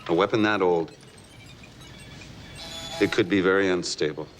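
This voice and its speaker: An actor playing a sober weapons adviser who briefs leaders gravely and deliberately in a disaster film. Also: male voice, sits low, faint music behind.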